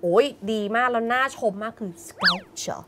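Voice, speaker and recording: A woman's voice: on the high side, wildly swooping pitch, unhurried, noisy background. A woman from Thailand co-hosting a casual educational TV show, patiently explaining English vocabulary and modelling the pronunciation. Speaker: co-host teaching English vocabulary.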